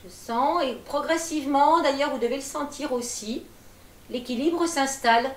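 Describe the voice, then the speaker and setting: A middle-aged woman leading a gentle seated exercise class from her attic room at home, with calm, encouraging and folksy cues. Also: high-pitched, moderate pace. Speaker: gentle gym instructor. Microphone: far camera. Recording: echoey room from far off.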